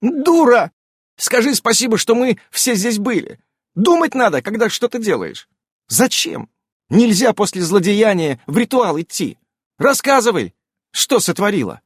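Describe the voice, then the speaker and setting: A man reading an audiobook, voicing a commanding adult witch woman who barks sharp, scolding orders. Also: high voice, sing-song, measured pace, breathy edge, no echo, studio quality, voice pushed up, exaggerated voice.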